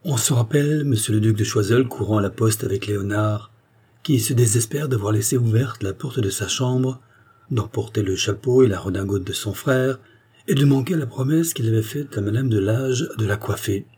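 A man reading a novel aloud as audiobook narration, measured and even. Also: fairly low pitch, slightly rough. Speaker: audiobook reader.

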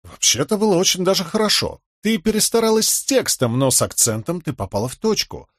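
A man's voice: high voice, very animated, brisk, fairly bright tone, no echo, pitched above the performer's own voice, full character voice. Wry veteran con woman, teasing mentor, dry raised voice, read by a male narrator. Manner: wry, instructive.

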